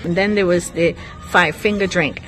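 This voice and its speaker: Woman from Guyana, lowish voice, fond storytelling, faint music behind. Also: moderate pace, a bit bright, poor audio. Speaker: guest sharing memories. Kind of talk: reminiscing monologue.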